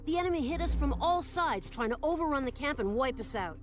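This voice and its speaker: A woman's voice: high voice, animated, quick pace, soft background music. A woman playing a firm, grave soldier recounting a battle in a war game. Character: female soldier gravely recounting a camp defense. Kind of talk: scripted mission narration in a war game.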